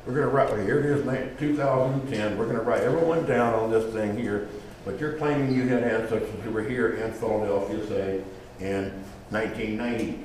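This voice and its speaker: A man's voice: lowish voice, steady tone, fairly quick, darkish tone. A man giving an informal lecture, conversational and acting out small exchanges as he explains. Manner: conversational, acts out little dialogues. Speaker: speaker on genealogy and naming. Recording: roomy echo, faint background noise.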